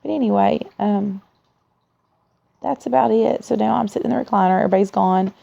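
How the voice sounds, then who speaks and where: A woman who sounds tired and weak after surgery, talking in a candid, rambling, low-energy way in a casual video diary, with a gravelly, creaky voice. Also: a little fast, mellow. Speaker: vlogger sharing surgery recovery. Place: at home in a recliner. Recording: dull, lo-fi sound.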